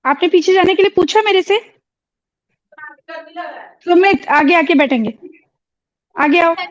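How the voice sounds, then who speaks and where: Woman, teacher, high pitch, stern and firm, code-switching, dull recording. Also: a little slow. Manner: stern, mixes Hindi and English. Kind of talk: classroom teaching. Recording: dull lo-fi sound.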